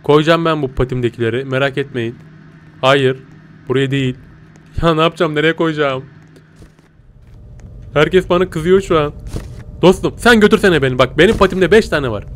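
A man giving casual Let's Play commentary, jumpy and excitable, swinging from tense whispers to loud yelps and talking to his viewers. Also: a little high, moderate pace, long pauses. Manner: talks to viewers as "pisicikler". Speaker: gaming YouTuber.

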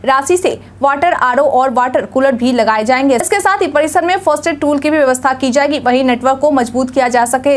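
Young woman, news anchor, high voice, formal even delivery, studio bulletin. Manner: formal, even newsreader delivery, seated at desk. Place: studio news set, indoors.

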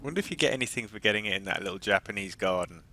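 A man's voice: lowish voice, lively intonation, racing, bright, forceful tone, a little hiss or hum. A man bantering over a golf game, joking and teasing and laughing often. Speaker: gaming commentator. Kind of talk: casual gaming banter.

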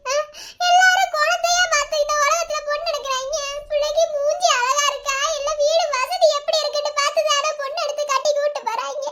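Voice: very high voice, steady tone, fairly quick, pushed and bright. A performer voicing a worn-out, beaten mother in a cartoon, lamenting and pleading with a Madurai accent. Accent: Madurai Tamil.

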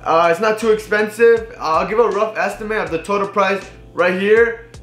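A young man in his twenties, a barber, casually shows his tools to a fixed camera in a living room with a TV and couch. His voice sits high and moves at a moderate pace, and he's relaxed, using many fillers and often restarting. The room sounds roomy, with soft music in the background, like a casual tutorial.

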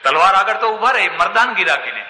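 A male preacher tells stories in an animated way, with a fairly high, very bright and forceful voice. He is recorded in a large echoey hall where the reverb hangs long. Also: fast talker. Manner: lively, animated retelling that acts out the voices. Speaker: swami, preacher. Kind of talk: sermon storytelling.

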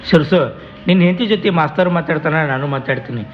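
An actor playing a village friend urging calm, with a North Karnataka accent. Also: male voice, on the high side, quick pace, highs cut off, soft background music, natural voice. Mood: soothing. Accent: North Karnataka Kannada.

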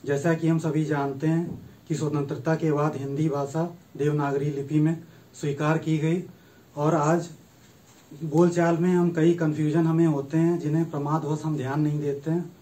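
A man giving a recorded university lecture on grammar, reciting letters and rules one by one in a slow, methodical way. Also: on the high side, level tone, warm tone, rough recording. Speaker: Sanskrit lecturer.

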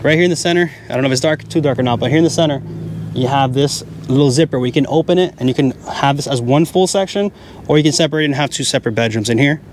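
A man's voice: medium pitch, rapid-fire, slight background noise. A man in his thirties casually walking through a big camping tent, chatty and explaining as he points things out, speaking into a handheld mic. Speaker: camping vlogger giving a tent tour. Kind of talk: casual walkthrough. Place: inside a large tent at a wooded campground. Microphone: handheld mic in hand.

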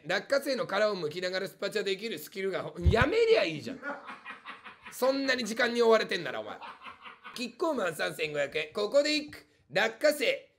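Man, high lively voice, gravelly edge, mock-angry live-stream retorts, laughing. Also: slight background noise. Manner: blunt slangy tough-guy talk. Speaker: live streamer reading paid viewer comments. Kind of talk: comedic live stream, reading comments and retorting.

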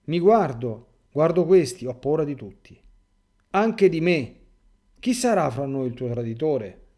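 A priest voicing a weeping, frightened young apostle. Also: male voice, a little high, sing-song, unhurried, mellow. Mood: fearful, weeping. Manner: tearful, pleading, raised and urgent. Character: the apostle John, a young man weeping with fear and grief. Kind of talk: dramatic reading aloud.

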